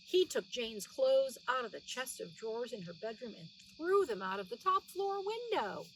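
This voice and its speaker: Reading to young children, a middle-aged narrator sounds very animated, her fairly high voice moving at normal speed. She tells the story expressively and stops to explain words simply, recorded on a distant mic with faint background noise.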